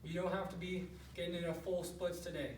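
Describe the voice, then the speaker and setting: A man with a fairly high voice teaches martial arts in a casual, explanatory way, step by step. He is picked up from a distance in a roomy space with some noise. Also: flat delivery, a little fast, darkish tone. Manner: plain-spoken, explanatory, frequently checking with "okay". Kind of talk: casual step-by-step instructional demonstration. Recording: roomy, noisy, distant microphone.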